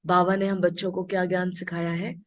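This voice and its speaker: A woman spiritual teacher giving a talk to an audience, mixing Hindi and English and asking her listeners questions, with slow, emphatic phrases she repeats. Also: fairly low pitch, level tone. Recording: dull lo-fi recording.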